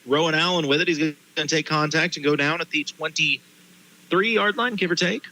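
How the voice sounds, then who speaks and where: A man calling play-by-play in live high school football commentary. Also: moderate pace, pushed and bright, low-quality recording. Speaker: play-by-play announcer.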